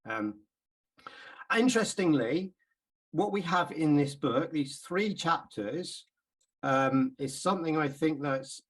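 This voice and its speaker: A man's voice: a little high, animated, slow pace, rough recording. A man from England giving an informal Bible class talk, chatty and hesitant, with many ums and repeated words.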